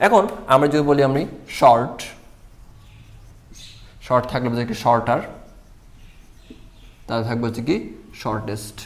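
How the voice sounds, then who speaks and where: A man's voice: mid-range voice, expressive, a little slow, long pauses. A man teaching a grammar lesson, explaining step by step and answering his own questions.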